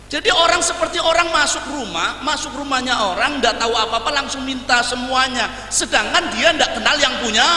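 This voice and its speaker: Male preacher, very high and piercing voice, animated teaching with acted-out scenes, distant mic in a reverberant hall with faint hum. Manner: conversational teaching, mixing in Javanese and Arabic phrases; animated, acts out everyday scenes. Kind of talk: sermon.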